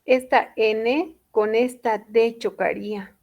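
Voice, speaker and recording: Slow, patient woman teaching a class. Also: fairly high pitch, steady tone, lo-fi sound. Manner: patient, repeats points and checks understanding. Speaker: English teacher. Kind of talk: classroom lesson explanation.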